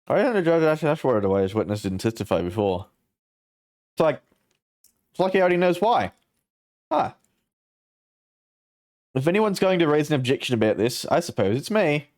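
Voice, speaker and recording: A man's voice: fairly high pitch, big pitch swings, darkish tone. A man voicing a young male defense lawyer who frets aloud, reading a game script on a live stream. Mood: anxious. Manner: fretful inner monologue, quick and wondering.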